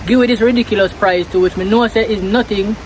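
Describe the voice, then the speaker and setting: A man's voice: high voice, fairly even intonation, fast, a crowd in the background, poor audio. A man with a Jamaican accent chatting and telling stories casually in informal patois phrasing outdoors. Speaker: vlog co-host. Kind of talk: casual chat and storytelling. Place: outdoors by a river.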